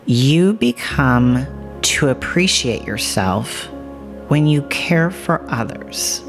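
Meditation guide: reassuring and hypnotic, gravelly creak in the voice, extremely unhurried delivery. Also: medium pitch, expressive. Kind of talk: slow scripted guided meditation. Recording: music bed behind the voice. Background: music.

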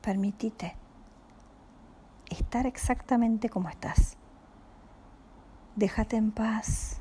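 A woman with a Rioplatense Spanish accent giving a calm, reflective spiritual talk, speaking slowly and often dropping into a soft whisper. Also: fairly high pitch, slight background noise. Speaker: spiritual teacher.

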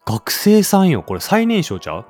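A man from Shiga with a Kansai accent, mixed with standard Japanese, co-hosts a casual podcast. His pitch swings a lot as he reads letters aloud and laughs easily. Soft music plays faintly underneath. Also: huge pitch swings, normal speed. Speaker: podcast co-host. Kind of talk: casual chat.

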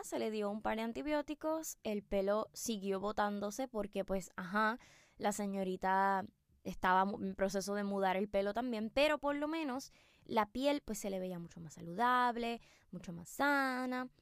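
A woman's voice: medium pitch, normal speed, clear, resonant tone, no echo, studio quality. A woman hosting a podcast, telling a story casually and chattily with many fillers and asides to her listeners. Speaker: podcast host.

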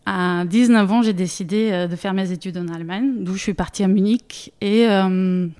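A Bulgarian woman who speaks Bulgarian as her first language and works as a data leader appears as a guest in a casual interview. Her voice sits at a medium pitch and is smooth and slightly mellow, moving at a normal speed. She fills her speech with lots of fillers and laughs frequently.

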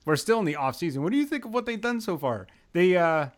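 This podcast host has a high voice and talks quickly. He's casual and expressive, joking with his guest and laughing often.

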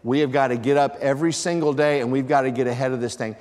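Emphatic pastor in an echoing hall. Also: male voice, medium pitch, fairly even intonation, fast talker. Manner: emphatic, rising to shouts for emphasis. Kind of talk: sermon. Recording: long reverb of a large hall.

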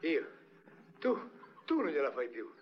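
Cheeky sickly crook. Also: male voice, a little high, big pitch swings, measured pace, a little hiss or hum. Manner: cheeky, evasive, mock-polite. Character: wily sickly male crook, liver complaints. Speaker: fugitive. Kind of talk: dubbed film comedy acting. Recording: lo-fi old film soundtrack.

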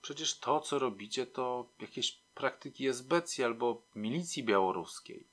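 A man's voice: mid-range voice, lively intonation, moderate pace, fairly bright tone. A man voicing a proud, frightened older woman in an audiobook. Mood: bitter. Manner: pleading, then bitter and dignified.

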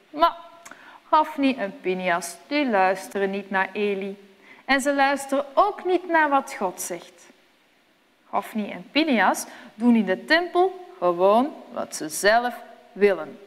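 A woman narrating a children's Bible story in a slow, clear, expressive manner. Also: a little high, in a large hall.

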